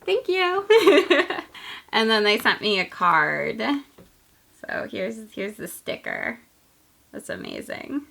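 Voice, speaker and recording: Young vlogger girl, bubbly and chatty, bright voice bouncing all over, hiccuping. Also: medium pitch, huge pitch swings, takes it slowly, gravelly, long pauses, slight background noise. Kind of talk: casual vlog chat.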